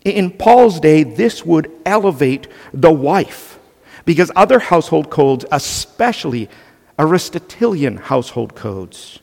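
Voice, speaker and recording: A man's voice: fairly high pitch, gravelly, a little mellow, long reverb tail. A male pastor delivering an earnest, emphatic sermon, often restarting his phrases.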